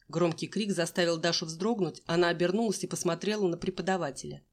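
Here an audiobook narrator with a fairly low voice reads a young-adult novel quickly. She voices each character differently as she performs the dialogue.

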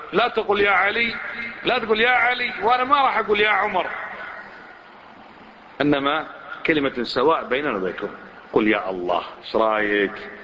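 A man teaching a religious lesson, speaking colloquially and questioning his listeners directly. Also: high voice. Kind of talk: religious lesson to a seated audience. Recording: dull lo-fi recording with faint noise.

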